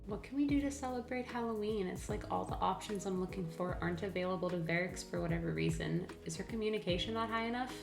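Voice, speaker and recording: A woman's voice: mid-range voice, fast talker, vocal fry, hardly any pauses, roomy sound. A woman giving casual, chatty let's play commentary as a gaming video creator, often talking directly to the characters. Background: background music.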